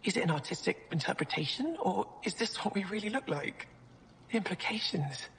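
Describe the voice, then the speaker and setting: A woman's voice: medium pitch, sing-song, fairly quick, slight background noise. An actress voicing a thoughtful female alien museum curator in a video game. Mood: awed, intrigued. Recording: reverberant game audio.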